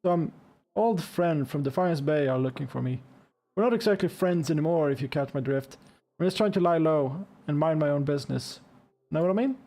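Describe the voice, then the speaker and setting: A man reading as a wary, streetwise woman, mellow-toned. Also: fairly high pitch, normal speed, close to an everyday voice. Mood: guarded. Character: wary, guarded woman in hiding with a weapon. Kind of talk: acted read-aloud of game dialogue.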